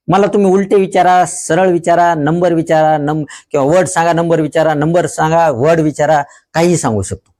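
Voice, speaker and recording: Man, teacher, lively, repeats key words, mid-pitched. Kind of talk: explaining a memory technique to students.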